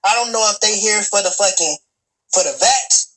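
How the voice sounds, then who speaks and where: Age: 20s. Sex: man. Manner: husky, bright, profane, rambling. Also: high voice, normal speed, poor audio. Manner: profane, rambling, stammers and restarts, addresses listeners directly. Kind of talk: casual storytelling.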